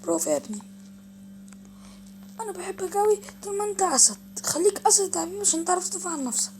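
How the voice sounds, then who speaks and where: A woman voicing a gentle, caring mother in a soft, fond way, with an Egyptian accent. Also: very high-pitched, expressive, quick pace, noisy background. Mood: tender. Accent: Egyptian Arabic.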